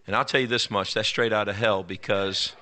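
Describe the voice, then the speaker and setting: A man's voice: on the low side, a little fast. Emphatic Texan preacher man. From East Texas, US South. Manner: animated, emphatic preaching with folksy asides. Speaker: pastor. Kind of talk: sermon.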